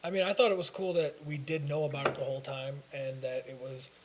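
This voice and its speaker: A young man with a medium-pitched, flat voice talks fast as a co-host on a casual fan talk show. He rambles through his opinions hesitantly, with fillers and restarts, over a faint hiss.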